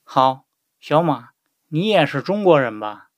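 Guy playing polite curious male job candidate in a language lesson skit, slightly high voice, dry sound. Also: sing-song, a little slow, dry recording. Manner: polite, inquisitive. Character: courteous married Chinese man, a job candidate. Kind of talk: scripted language-lesson dialogue.

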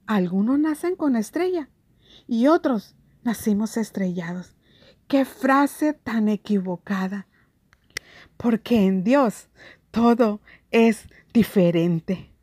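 A woman's voice: a little high, animated, takes it slowly, dark tone, no echo. A woman giving an earnest devotional sermon, reading scripture with emphasis. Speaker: preacher.

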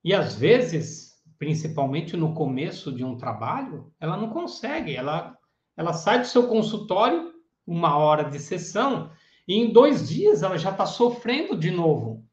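A man, a psychoanalysis teacher giving a casual teaching talk, animated and acting out the voices of clients and therapists. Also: high-pitched, measured pace. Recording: echoey room, dull lo-fi sound.

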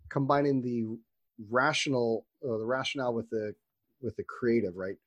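Husky, excitable male podcast host. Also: medium pitch, no echo. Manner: excitable, slangy, loose with fillers. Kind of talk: casual podcast interview.

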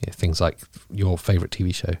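A man's voice: low voice, little pitch movement, quick pace, mellow, slightly rough, no echo. A man co-hosting a podcast in casual chat at a studio microphone, joking, laughing often and restarting his sentences. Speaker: podcast co-host.

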